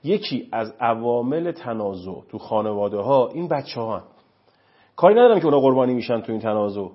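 A man's voice: medium pitch, very animated. A man speaking as a counselor on a talk show, earnest and emphatic, lecturing. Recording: dull lo-fi recording.

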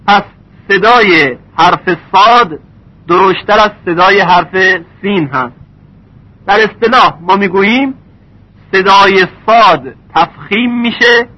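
A man teaching recitation rules in a lesson, stretching out example words slowly. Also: high-pitched, breathy edge. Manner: slow drawn-out example words. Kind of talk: tajweed lesson. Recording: dull lo-fi recording.

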